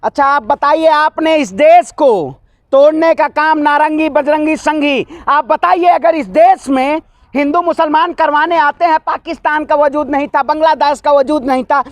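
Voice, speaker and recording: In a dry recording with no room sound, an interviewee with a very high male voice rants heatedly about politics, combative and emphatic. He keeps confronting the listener with rhetorical questions, using fairly even intonation at a moderate pace.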